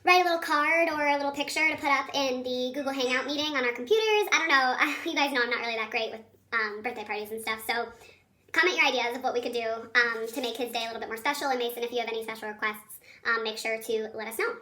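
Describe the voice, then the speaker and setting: A woman with a squeaky, helium-like chipmunk voice teaching children in a chatty, encouraging, informal video lesson. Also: fairly even intonation, fast talker, sharp tone. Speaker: elementary school teacher.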